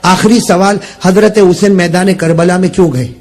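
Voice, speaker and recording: A man from India preaching an impassioned sermon to a gathering, quizzing the crowd and swinging from quiet talk to loud crying shouts. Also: sits high, fairly even intonation, moderate pace. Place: gathering before an audience.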